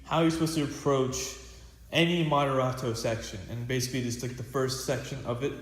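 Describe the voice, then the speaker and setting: A teenage boy, a student percussionist, gives a casual snare drum practice lesson in a practice room with a drum pad. His voice is medium-pitched and brisk, with fairly even intonation, and he rambles with lots of fillers and restarts. The room is echoey and the recording has loud hiss.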